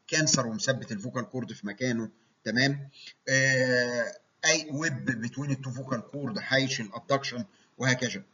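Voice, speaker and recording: Egyptian man lecturing fast, bright but husky voice, dull lo-fi sound. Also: mid-range voice. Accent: Egyptian Arabic. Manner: explanatory, checks in with listeners. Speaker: medical lecturer. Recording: dull lo-fi recording.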